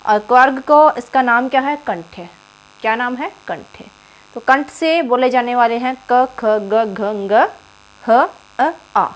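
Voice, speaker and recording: A woman's voice: on the high side, a little slow. A woman teacher giving an exam-prep grammar lesson, quizzing the viewer and repeating each syllable aloud.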